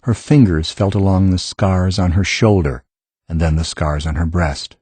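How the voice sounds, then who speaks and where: A man narrating a fantasy audiobook in a calm, measured way, recorded in a studio. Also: low voice, husky, no echo. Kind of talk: scripted narration.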